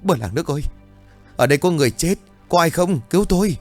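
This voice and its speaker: A man voicing a loud, panicked village woman who wails and shrieks for help in a spoken ghost story. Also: medium pitch, animated, fast talker, soft background music, close to an everyday voice. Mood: screaming.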